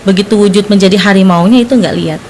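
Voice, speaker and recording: Calm Indonesian-speaking woman explaining steadily. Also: medium pitch, quick pace, a little hiss or hum. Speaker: spiritual practitioner guest. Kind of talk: explanatory interview answers.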